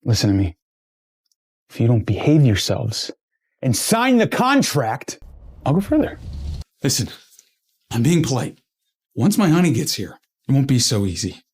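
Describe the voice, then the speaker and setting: A man's voice: medium pitch, sing-song, unhurried, pauses often, a little mellow, breathy edge. Man playing an arrogant bullying manager. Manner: arrogant, threatening. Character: arrogant young corporate manager, bullying cousin.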